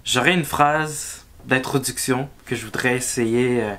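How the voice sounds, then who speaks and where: A man's voice: medium pitch, a little slow, fairly bright tone. A man hosting a casual lesson, repeating words back to the teacher. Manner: repeats after the teacher, short replies. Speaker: host, learner.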